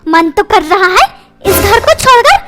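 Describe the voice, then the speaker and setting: A woman's voice: extremely high pitch, very animated, a little slow, heavily acted. A woman voicing a cheeky, whiny young schoolboy son in a cartoon. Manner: cheeky, whiny, repeats words for effect. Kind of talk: cartoon comedy voice acting. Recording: loud background noise.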